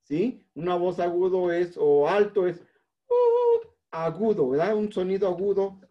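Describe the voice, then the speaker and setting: A male music teacher with a Mexican accent, patiently explaining a lesson step by step to his students and filling his pauses with "este". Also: high voice, dull audio. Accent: Mexican Spanish. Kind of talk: recorded online class.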